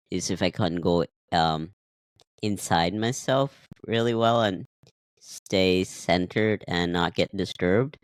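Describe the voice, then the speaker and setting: Friendly low-voiced man from Nepal. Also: clear, resonant tone, dry recording. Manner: friendly, laughs often, hesitant phrasing. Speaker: podcast host. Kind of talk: casual interview conversation.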